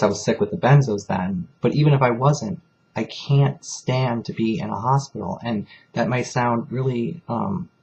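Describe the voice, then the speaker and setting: A man's voice: mid-range voice, vocal fry, darkish tone. Candid rambling man, lo-fi vlog. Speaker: vlogger. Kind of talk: personal confessional vlog.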